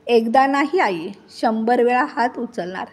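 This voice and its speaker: A furious young husband from a storybook, harsh and contemptuous as he shouts, voiced by a woman narrator. The voice sits a little high and carries the sneer of someone who cares for no one. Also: a little slow.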